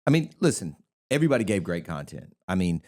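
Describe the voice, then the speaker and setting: A man co-hosting a casual podcast chat, telling animated, rambling stories with many restarts. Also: low-pitched, fast. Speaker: podcast co-host, DJ.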